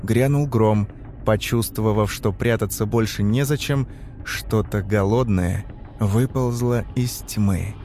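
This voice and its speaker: A man giving a scripted, grim, measured narration of a dark story. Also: fairly low pitch, background noise. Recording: faint music under the voice.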